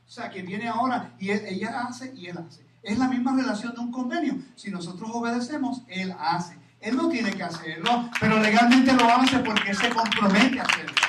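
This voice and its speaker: Male preacher, high-pitched and animated, recorded far off in a roomy hall. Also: a little fast, hardly any pauses, slight background noise. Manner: animated, rhetorical questions to the audience. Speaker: Torah teacher. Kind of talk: sermon. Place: congregation hall. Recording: echoey hall, mic from far off.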